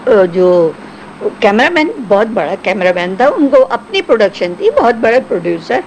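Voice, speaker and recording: A woman's voice: mid-range voice, slight background noise, rough recording. An older woman, a former film actress, reminiscing in an interview and acting out the voices of people she quotes. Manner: animated storytelling, acts out quoted voices.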